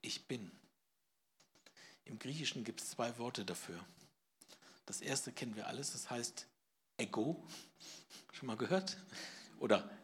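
Guy preaching in church, goes from hushed whispers to big loud emphasis, keeps asking the crowd stuff, mid-pitched voice. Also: lively intonation, measured pace, long pauses, slight background noise. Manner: asks the congregation questions. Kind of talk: sermon. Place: church service, in front of a congregation.

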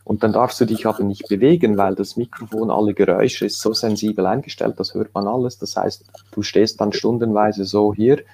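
Man, low mellow voice. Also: fairly even intonation, a little fast, creaky, few pauses, a little hiss or hum. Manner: rambling, with many fillers and restarts. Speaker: author, interview guest. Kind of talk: casual conversational interview.

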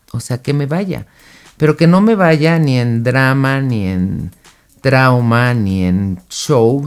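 A woman's voice: extremely low pitch, gravelly, darkish tone. A woman giving casual advice on personal boundaries, speaking straight to the listener and acting out short quoted lines. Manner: acts out little quoted lines in passing.

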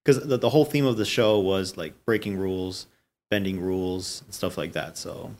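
Animated low-voiced man chatting. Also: moderate pace, slight background noise. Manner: animated, swears casually, acts out characters' lines. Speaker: podcast co-host reviewing a show. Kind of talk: casual chat.

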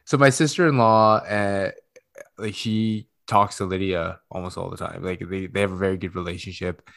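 A man's voice: low-pitched, fairly even intonation, normal speed, creaky, a bit bright. A man co-hosting a casual podcast chat, telling a rambling story as a father, swearing freely and correcting himself as he goes.

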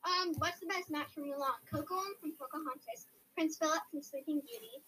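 A woman's voice: high voice, fairly even intonation, fairly quick, sharp tone. A young girl co-hosting a casual podcast, chatting and reading quizzes aloud into a laptop mic. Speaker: podcast co-host. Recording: noisy laptop-style mic with clicks.

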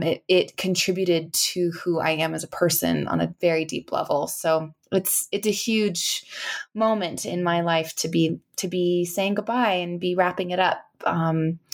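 A woman talking as an interview guest in a casual, reflective and effusive way. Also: on the low side. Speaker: interview guest, departing marketing director.

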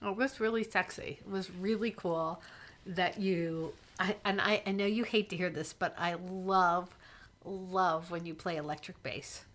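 A woman's voice: fairly low pitch, fairly even intonation, measured pace, fairly bright tone. A young woman co-hosting a podcast with her partner, chatting playfully and giggling while chewing gum. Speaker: podcast co-host. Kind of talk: casual couple chat.

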